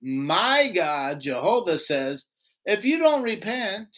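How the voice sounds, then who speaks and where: A man with a high-sitting, bright voice and big pitch swings teaches an informal Bible lesson at a slow pace. He reads and explains scripture emphatically and rhetorically, often asking "right?" to check for agreement.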